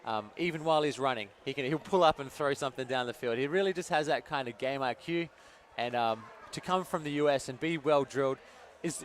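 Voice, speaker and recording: A man's voice: medium pitch, slight background noise. A man speaking as co-commentator and league representative, earnest and enthusiastic about the players. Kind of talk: sports commentary. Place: outdoor sports ground.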